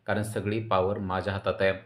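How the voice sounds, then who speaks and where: Guy reading as a smug bully cop, low voice, taunting and bragging. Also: flat delivery, brisk, lightly acted. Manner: taunting, boastful. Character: arrogant, gloating corrupt male police officer. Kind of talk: recap voice-over reading dialogue.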